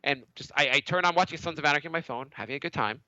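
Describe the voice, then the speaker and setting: Speaking very fast in a voice on the high side, a podcast co-host recounts a story in casual chat. He's slightly congested from a cold and acts out what others said with animated, raised delivery, while the recording is muffled with no echo.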